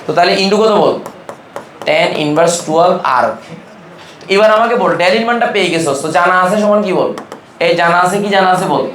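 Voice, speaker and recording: In this classroom lecture, a man from Bangladesh covers chemistry, his high, slightly bright voice sounding roomy with a little hiss or hum. He treats his students in an informal, brotherly fashion, quizzing them again and again with rapid questions.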